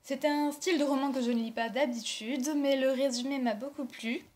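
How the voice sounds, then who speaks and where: Young french woman with a high voice, chatty book haul, lots of euh and restarts. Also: steady tone, moderate pace, darkish tone. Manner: chatty, rambling with many fillers and self-corrections. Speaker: book blogger. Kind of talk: casual book haul vlog.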